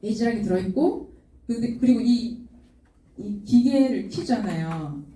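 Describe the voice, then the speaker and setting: A middle-aged woman giving a lively sales seminar, laughing often and acting out her customers. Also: a little high, a little slow. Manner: animated, laughing, acts out quoted customers. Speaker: product seminar speaker. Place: seminar hall. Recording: roomy hall sound from far off.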